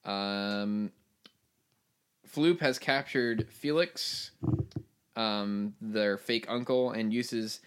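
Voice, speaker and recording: A man's voice: on the low side, very slow, pauses often, smooth. A man hosting a podcast, casually recapping a film plot in a rambling way with many fillers. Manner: rambling, filler-heavy storytelling. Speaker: podcast host.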